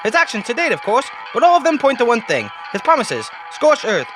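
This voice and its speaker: A man's voice: very high-pitched, wildly swooping pitch, fairly quick, noisy background, voice pushed up, heavily acted. A man voicing a theatrical, intense riddle-obsessed supervillain with an articulate, rhetorical manner in a comic reading. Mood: intense, brooding.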